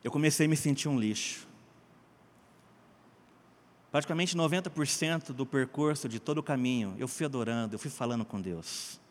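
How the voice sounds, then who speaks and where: Um homem brasileiro contando um testemunho em tom de pregação, animado, alternando gritos e murmúrios e chamando os ouvintes de gente e queridos. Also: male voice, medium pitch, moderate pace, pauses often, in a large hall. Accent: Brazilian Portuguese. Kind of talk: sermon-style personal testimony.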